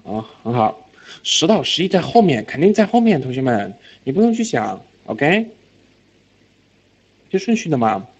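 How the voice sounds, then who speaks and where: A man teaching IELTS reading in a recorded lecture, animated, often asking whether students follow and dropping English words into his talk. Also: mid-range voice, moderate pace, pauses often, breathy edge. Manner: mixes English words into speech. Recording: slightly dull lo-fi lecture audio.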